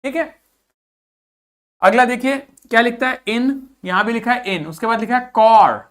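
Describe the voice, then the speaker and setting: A male teacher giving a classroom vocabulary lesson, asking the class questions, answering them himself, and repeating each word slowly several times. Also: extremely high pitch, fairly bright tone.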